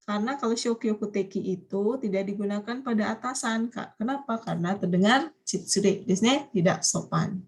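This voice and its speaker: A woman teaching a university Japanese class online, prompting students to finish each phrase. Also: mid-range voice. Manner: coaxing students to complete phrases. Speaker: Japanese language lecturer.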